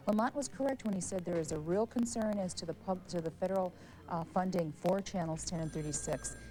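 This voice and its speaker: A woman's voice: on the low side, dark tone, low-quality recording. A woman hosting a public television pledge drive, speaking persuasively and earnestly with repeated, building phrases.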